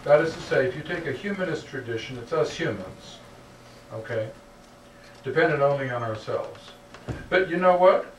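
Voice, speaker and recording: A man's voice: on the high side, lively intonation, normal speed. Earnest man answering audience questions in a hall. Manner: earnest, repeatedly asks "okay?". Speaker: lecture speaker answering questions. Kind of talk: public talk Q&A. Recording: roomy hall sound picked up from a distance, faint noise.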